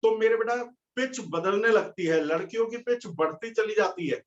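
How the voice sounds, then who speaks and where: A man's voice: high voice, normal speed. A man teaching a physics class, explaining step by step and asking his students questions. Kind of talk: classroom lecture. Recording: dull lo-fi recording.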